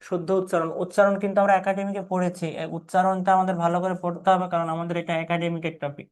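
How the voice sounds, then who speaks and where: A man's voice: high-pitched, level tone, very fast, clean tone. A young male teacher from Bangladesh going through exam questions in an online class, asking questions, answering them himself and calling out the names of students who got them right. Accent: Bangladeshi Bengali.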